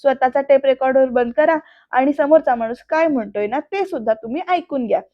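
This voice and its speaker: A woman's voice: high-pitched, fairly quick, no echo, highs cut off, close to an everyday voice. A woman voicing a brusque, sarcastic young male boss who gives orders. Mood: sarcastic bossy.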